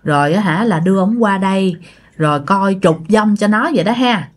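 A woman's voice: medium pitch, normal speed, close to an everyday voice. Woman voicing a worried aunt in a spoken ghost story, urgent and pleading. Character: worried middle-aged aunt.

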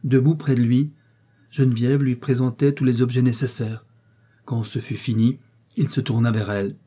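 A man narrating a novel as an audiobook, with a steady, expressive literary reading. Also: medium pitch, moderate pace, breathy edge.

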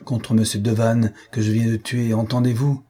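A man voicing an earnest young colonel who pleads urgently and proudly, with a husky, dark voice. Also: medium pitch, little pitch movement, normal speed, natural voice. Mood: imploring.

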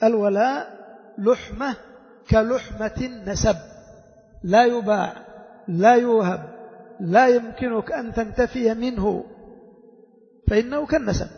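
A man teaching jurisprudence as a sheikh, unhurried, repeating each key phrase and quizzing his listeners. His voice sits very high and carries a gravelly fry. The recording is dull and muffled, with a long reverb. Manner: explains slowly, repeating key phrases and asking the class questions. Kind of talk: classroom lesson explaining a legal text. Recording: dull, echoey hall recording.

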